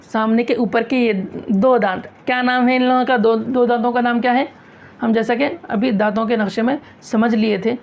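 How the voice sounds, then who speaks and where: On dull audio, a woman whose voice sits on the high side with a darkish tone teaches a classroom tajweed lesson. She drills the recitation class through repetition, asking questions and then answering them herself.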